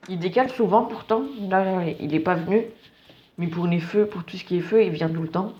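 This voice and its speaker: A man's voice: fairly high pitch, muffled recording. A man giving casual, slangy running commentary on a game as he plays. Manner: relaxed, slangy, chatty. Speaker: gameplay commentator.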